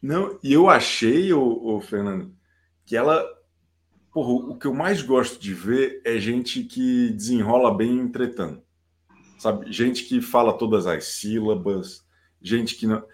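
A man hosting a live show in casual chat, excitable and swearing freely. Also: mid-range voice, a little slow. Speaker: host.

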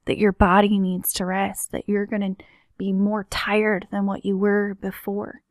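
A woman giving an earnest, slow motivational talk on healing and rest, often softening her voice to a near-whisper. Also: medium pitch, monotone, no room sound, studio quality. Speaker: wellness speaker.

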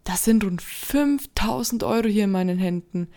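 A woman's voice: mid-range voice, normal speed, mellow, natural voice. Woman reading as a nervous young man. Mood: amazed. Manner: nervous, questioning. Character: young man, excited and then worried.

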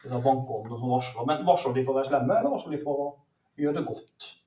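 A man's voice: mid-range voice, warm tone. Man, podcast host, casual chat, argumentative, explanatory, distant mic, roomy echo.

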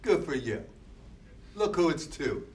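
A man teaching a class, slow and emphatic, often talking back to himself in quoted dialogue. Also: on the high side, big pitch swings. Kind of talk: classroom talk. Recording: noisy room, voice from a distance.

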